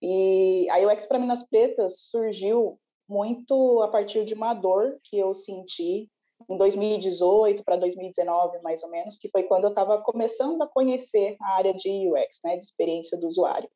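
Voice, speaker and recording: A woman's voice: medium pitch, normal speed, mellow, dull audio. A woman, a guest on a panel, telling her story reflectively and often adding tag questions. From Brazil. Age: 20s. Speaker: panel guest, community CEO. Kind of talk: conversational panel interview.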